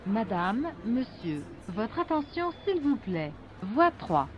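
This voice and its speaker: Woman's announcement over a station loudspeaker. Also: a little high, very animated, slight background noise. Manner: measured, formal, evenly spaced phrases. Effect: station public-address loudspeaker. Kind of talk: formal public announcement. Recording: muffled loudspeaker heard in a station.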